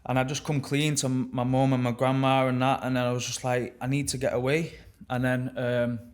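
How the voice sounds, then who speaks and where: A young man speaks openly as a podcast guest. He talks in a reflective, halting way, often restarting his sentences, and swears casually. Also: mid-range voice, monotone. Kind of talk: candid personal conversation.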